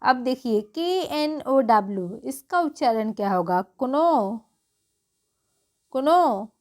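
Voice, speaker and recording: Slow, high-voiced woman teaching phonics. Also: big pitch swings. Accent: Hindi. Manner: spells words letter by letter, asks and answers her own questions. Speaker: English teacher. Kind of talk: phonics lesson for beginners.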